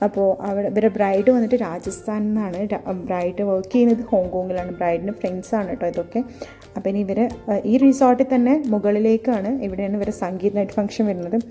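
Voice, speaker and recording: A woman's voice: mid-range voice, fairly even intonation, fast, dark tone. A woman with a Malayali accent narrating a casual vlog, mixing English words into her Malayalam. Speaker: henna artist and vlogger. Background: faint music.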